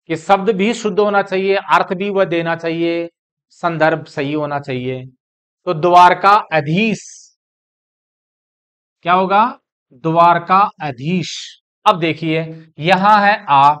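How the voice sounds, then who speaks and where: A man's voice: high voice, fairly bright tone, clear, resonant tone. A middle-aged man teaching Hindi grammar as a classroom lecture, asking questions and answering them himself. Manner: explains step by step, asks and answers his own questions.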